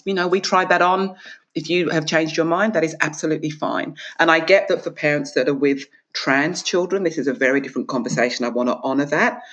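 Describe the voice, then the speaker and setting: An Australian woman, an author appearing as a guest, speaks earnestly and emphatically in a reflective interview, acting out small dialogues along the way. Her voice is low and a bit bright, captured with lo-fi sound.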